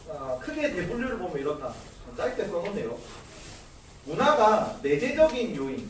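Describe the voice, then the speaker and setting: The social studies teacher's voice is a little high, with a bit of hiss or hum on the recording. He lectures casually, questioning students rhetorically and dropping jokes, captured from far off in a heavily echoing room.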